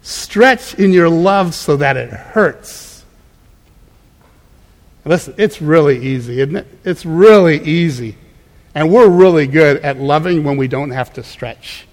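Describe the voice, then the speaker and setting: A man's voice: on the high side, slow, in a large hall. A man preaching a conversational sermon as a pastor, emphatic and prone to repeating words as he goes. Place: church.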